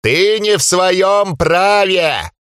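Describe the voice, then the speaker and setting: A man putting on a slow, sepulchral old gnome ghost. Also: high voice, animated, a bit bright, clear, resonant tone, no room sound, clean studio sound, voice pushed up, exaggerated voice. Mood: stern. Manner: scolding, folksy and rambling. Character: ghost of an old male gnome grandfather, scolding.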